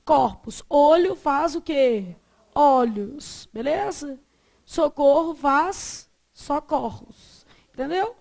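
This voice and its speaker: Woman, Brazilian accent, high voice, Portuguese teacher, asks and answers her own questions. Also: vocal fry. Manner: lively, asks the class questions and answers them herself; stretches words out slowly to model pronunciation. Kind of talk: classroom lecture.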